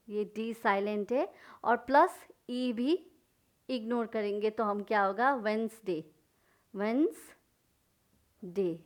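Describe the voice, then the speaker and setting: Woman, slow, patient lesson, fairly high voice, spells letter by letter. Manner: spells words letter by letter and asks then answers her own questions. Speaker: English teacher.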